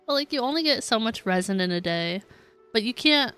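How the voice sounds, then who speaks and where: Animated and fairly quick, her fairly high voice comes across bright, clear and resonant. It's casual live-stream chatter during gameplay with game music behind it, and she rambles, giggles and keeps hedging with "like."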